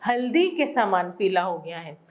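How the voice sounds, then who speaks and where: A woman teacher giving a school lesson, explaining slowly and answering her own questions. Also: mid-range voice, sing-song. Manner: repeats words for emphasis. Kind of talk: classroom Hindi lesson.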